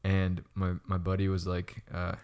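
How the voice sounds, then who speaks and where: A man's voice: deep voice, completely flat delivery, normal speed, darkish tone, smooth. Young man rambling with stammered restarts. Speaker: podcast co-host. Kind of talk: casual chat.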